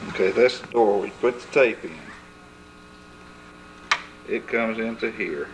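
Filming the family, a man with a lowish voice speaks at a measured pace while background noise lingers. The built-in camcorder mic picks up his easygoing, step-by-step home-video commentary.

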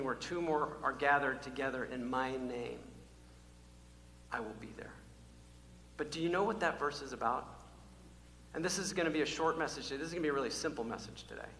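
A male pastor preaching a sermon to his church, emphatic and repetitive, swinging from loud calls to hushed, almost whispered lines. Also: medium pitch. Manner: emphatic, repeats key words, varies from loud calls to near-whisper. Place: church sanctuary. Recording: echoey hall, faint hum.

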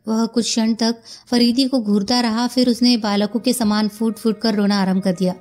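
A woman's voice: a little high, fairly even intonation, normal speed, a little mellow. Woman reading a formal detective story. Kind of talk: scripted storybook narration.

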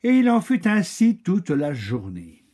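A man reading a children's story aloud in a slow, expressive way. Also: high-pitched.

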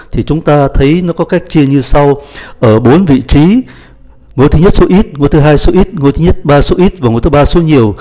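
A man's voice: fairly high pitch, darkish tone. Patient male French grammar teacher. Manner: slow, patient, spells out letters and repeats conjugations. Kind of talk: grammar lesson explaining verb conjugation.

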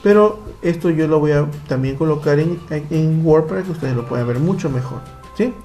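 A man's voice: fairly high pitch, normal speed, warm tone, soft background music. A man with a Peruvian Spanish accent, teaching a computer lesson to children over a screen recording and patiently explaining each step. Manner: patient, explains step by step with frequent tag questions.

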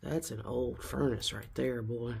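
A man's voice: mid-range voice, steady tone, a little slow, vocal fry, a little mellow, a little hiss or hum. A man narrating a walkthrough of an abandoned house, exclaiming often in amazement as he films with a handheld camera. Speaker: urban explorer vlogger. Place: inside a derelict house. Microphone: handheld camera mic.

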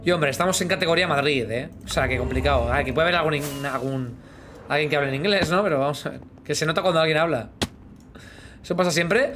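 A Spanish-accented man from Spain, in his thirties, keeps up casual chat and jokes with viewers on his live game stream, humming sound effects as he plays. His fairly high voice runs at a quick pace, picked up by a headset in a small room with a noisy background.

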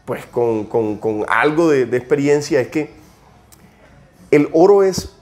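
A man's voice: mid-range voice, animated, takes it slowly, darkish tone. Colombian male guest, cigar producer, hesitant, stumbles over repeated words. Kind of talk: conversational interview.

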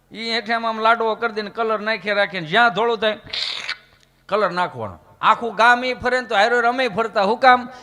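Man, comic storyteller, bright voice, folksy, reverberant hall. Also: extremely high pitch. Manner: folksy, voices characters in anecdotes. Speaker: comedian. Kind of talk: comic storytelling to a live audience.

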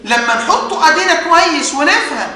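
A male university lecturer with an Egyptian accent, explaining step by step and slowing down to spell out words. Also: extremely high pitch, expressive, bright, forceful tone. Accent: Egyptian Arabic. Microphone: studio lecture recording. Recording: echoey hall reverb.

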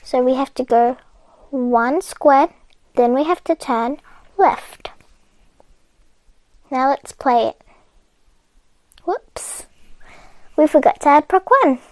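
A woman's voice: high voice, slow pace, pauses often, a little mellow, dry recording. A woman walking viewers through a coding puzzle game step by step, chatty and patient, laughing off her own mistakes. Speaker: coding tutorial host. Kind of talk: step-by-step game walkthrough narration.

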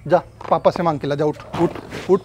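A man with a high voice scolds and threatens in a staged home argument. Faint noise sits behind him. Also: steady tone, a little fast. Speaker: prankster husband.

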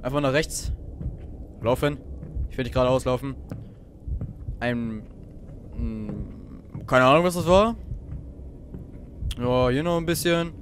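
A man's voice: medium pitch, slow, pauses often, slight background noise. A teenage boy playing a horror game and joking nervously to his viewers, with faint game ambience behind him. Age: teens. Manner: nervous, joking, talks to viewers, sudden shouts. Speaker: let's play gamer. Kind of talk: horror let's play commentary.

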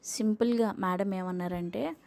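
A woman's voice: mid-range voice, fairly even intonation, moderate pace, gravelly, darkish tone. A young woman, a mother, talking casually and earnestly to viewers, reassuring them and listing newborn-care tips one by one. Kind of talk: casual spoken vlog advice.

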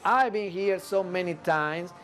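A middle-aged man with a distinctly high-pitched voice and an Argentine Spanish accent. He presents like an upbeat cruise director, animated and unscripted, repeating words for emphasis as he talks to the camera. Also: measured pace, slight background noise. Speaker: cruise ship activities manager and TV host. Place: indoors at a ship restaurant entrance. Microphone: lapel.

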